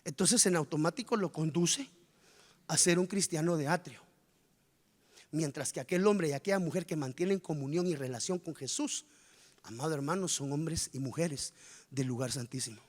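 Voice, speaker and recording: A man preaching a sermon as pastor, animated and firing rhetorical questions at the congregation. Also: a little high, normal speed. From Guatemala. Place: church. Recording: reverberant church hall.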